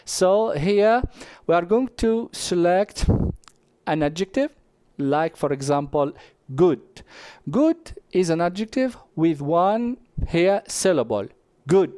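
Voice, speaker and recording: A man whose first language is Arabic, teaching an English grammar lesson. He speaks deliberately, repeats each example word and often adds "here". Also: sits high, darkish tone, clear, resonant tone, dry recording.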